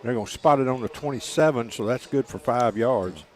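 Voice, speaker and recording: Drawling radio color commentator. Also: male voice, medium pitch, a little hiss or hum. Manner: measured, drawling, teasing. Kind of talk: local radio football commentary.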